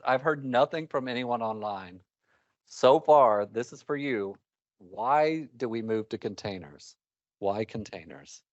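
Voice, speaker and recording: A man presents to a live meetup audience, wandering through his points with a wry, candid humor. His voice sits at an ordinary pitch. The recording is dry and a little muffled. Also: no room sound. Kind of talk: technical talk to a live audience.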